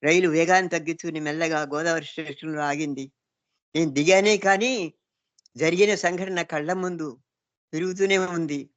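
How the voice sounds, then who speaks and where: A woman's voice: low-pitched, normal speed, dry recording. A woman narrating a story in the first person, reflective and earnest, often asking rhetorical questions.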